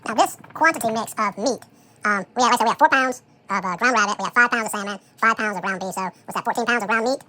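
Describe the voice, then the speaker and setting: A home cook preparing dog food gives relaxed how-to commentary while working, thinking aloud with frequent "um" and "so." The voice is sped up into a bright, high chipmunk effect and sounds very fast.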